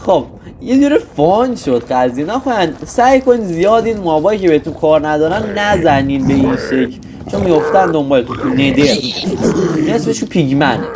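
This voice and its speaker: A man's voice: on the high side, expressive, heavy background noise. A young man casually explaining a video game in a rambling tutorial, with restarts and joking asides. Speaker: gaming tutorial host.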